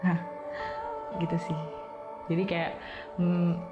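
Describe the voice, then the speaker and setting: A woman in her late teens tells a personal story in a casual, hesitant way, often pausing to find her words. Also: on the low side, monotone, over music. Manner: hesitant, thinking aloud with many fillers. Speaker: interviewee.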